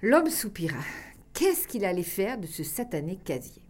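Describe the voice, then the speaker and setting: A woman reading a children's tale aloud, expressive and dropping to a hush for dramatic passages. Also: mid-range voice, moderate pace. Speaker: storyteller.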